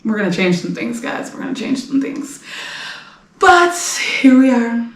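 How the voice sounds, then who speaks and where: A woman's voice: fairly high pitch, very animated, normal speed. Sassy 20-something woman dishing celeb gossip on her podcast, kinda far from the mic in a roomy echoey room. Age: late 20s. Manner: brash, blunt, swears freely, playful. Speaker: podcast host. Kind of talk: casual celebrity gossip chat.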